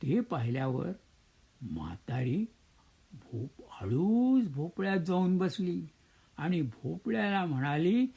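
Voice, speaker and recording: An older man narrating a children's folk story in a slow, expressive storytelling manner. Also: on the high side, gravelly, breathy edge.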